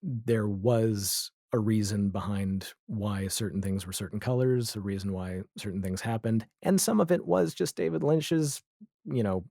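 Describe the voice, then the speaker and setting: In clean studio audio without room sound, a man who makes audio dramas talks as a podcast guest. His voice is low, creaky and mellow, and he takes his time, reflecting casually and illustrating his ideas with examples.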